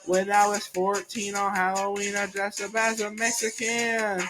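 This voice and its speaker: A man's voice: sits high, completely flat delivery, unhurried, poor audio. A young man of about eighteen sings comedic, self-mocking confessional songs. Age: late teens. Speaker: singer-songwriter. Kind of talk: comedic song performance. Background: faint music.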